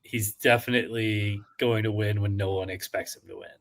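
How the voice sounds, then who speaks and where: A man's voice: fairly low pitch, steady tone, a little fast. Matter-of-fact man reading results. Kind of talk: casual podcast chat.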